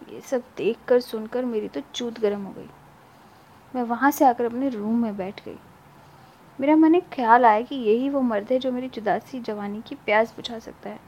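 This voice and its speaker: A woman narrating a sensual first-person story in a breathy, teasing way, on a dull lo-fi recording. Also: on the high side, a little hiss or hum.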